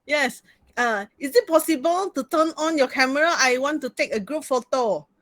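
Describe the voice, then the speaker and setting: With lively intonation and a high, fairly bright voice, a university lecturer with a Malaysian accent leads a relaxed online class at normal speed. Her casual Malaysian English is sprinkled with Malay words and particles like "lah." She uses a computer video-call mic, yet the sound is studio quality without echo.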